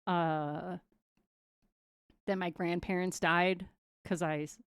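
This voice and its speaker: A woman's voice: fairly low pitch, fairly even intonation, slow, clear, resonant tone, dry recording. A young woman streaming her first tabletop game, chatting casually in a bubbly, giggly way with frequent restarts. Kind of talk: casual chat.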